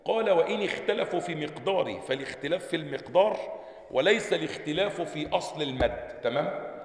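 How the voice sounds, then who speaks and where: Gravelly Egyptian sheikh in an echoey hall. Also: male voice, fairly high pitch, animated, fast talker. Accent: Egyptian Arabic. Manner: checks in with listeners by asking questions, then answers them himself; reads a passage aloud, then explains it. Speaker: sheikh teaching Quran sciences. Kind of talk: classroom lesson explaining a book. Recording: echoey hall with long reverb.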